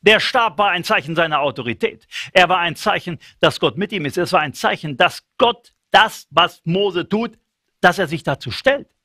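A man preaching a sermon, emphatic and animated, acting out the lines he quotes. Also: high voice, moderate pace, dry recording, clean studio sound.

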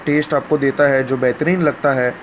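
Fast-talking man, mouth partly full. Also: medium pitch, steady tone. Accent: Mumbai Hindi. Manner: fast, chatty tasting commentary. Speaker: food vlogger. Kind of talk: casual food review.

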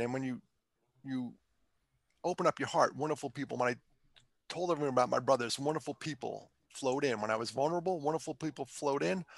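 Older male guest speaker, rough gravelly voice, dry close sound, candid and jokey. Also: mid-range voice, fairly bright tone, dry recording. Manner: jokey, laughs often, candid storytelling. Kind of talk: casual podcast interview.

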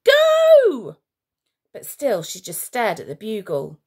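Woman reading a kids' story aloud, animated pitch, expressive teacher. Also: normal speed, creaky, slightly rough. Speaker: teacher reading a children's book.

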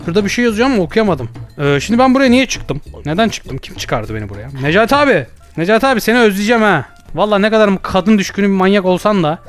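Excitable high-voiced man, fast gaming banter. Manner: excitable, jokey, loud outbursts. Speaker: gaming YouTuber. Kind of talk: comedic gameplay commentary. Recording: faint background music.

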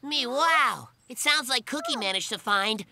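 High-pitched, easygoing boy kitten. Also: animated, a little slow, background noise. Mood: curious. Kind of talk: children's cartoon dubbing. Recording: music under the voice.

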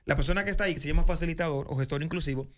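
A man's voice: fairly high pitch, very fast. A man explaining voting rules on a radio show in a studio, upbeat and explanatory. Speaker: guest explaining election rules. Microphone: studio mic with headphones.

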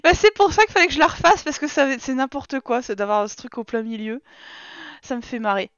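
A woman with a high, smooth voice gives casual let's-play commentary, scolding her game characters with exasperation. It is recorded close and dry on a slightly dull mic. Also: a little fast, dry recording. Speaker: gaming streamer.

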